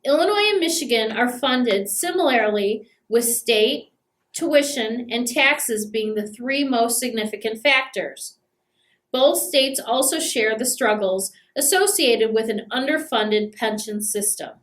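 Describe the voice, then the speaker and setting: A woman's voice: a little high, a little slow. Woman narrating in an echoey room. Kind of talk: scripted informational narration. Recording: roomy echoey voice.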